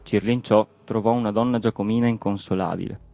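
A man narrating a story in a measured, expressive reading. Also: on the low side, vocal fry, faint music behind.

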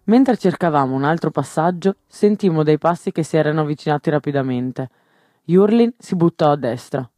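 A man narrating a novel as an audiobook, reading steadily and raising his voice for shouted lines. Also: normal speed, dry recording, studio quality. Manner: steady storytelling, lifts pitch for shouted quotes.

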